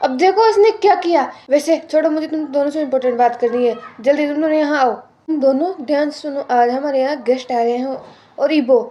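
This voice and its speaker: Lady doing a bossy scolding spouse, snappy, really high voice. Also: fairly quick, mellow, natural voice. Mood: stern. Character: sharp-tongued scolding spouse, adult man.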